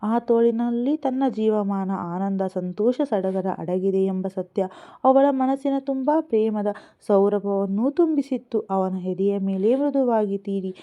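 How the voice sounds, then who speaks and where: A woman storyteller narrating a romantic serial novel in an earnest, expressive way. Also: mid-range voice, measured pace. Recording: tinny phone-like sound.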